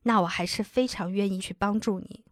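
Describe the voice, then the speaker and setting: A woman's voice: mid-range voice, fairly even intonation, fairly quick, a bit bright, no echo, clean studio sound. A woman in her thirties co-hosting a casual chat, telling stories and acting out quoted lines. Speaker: podcast co-host.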